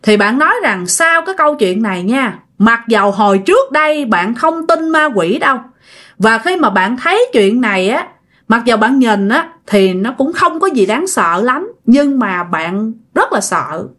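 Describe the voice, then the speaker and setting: A woman's voice: on the high side, big pitch swings, normal speed, a bit bright. A woman with a Southern Vietnamese accent telling a ghost story in a chatty way. She talks straight to her listeners and repeats words to build suspense. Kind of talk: casual ghost-story narration.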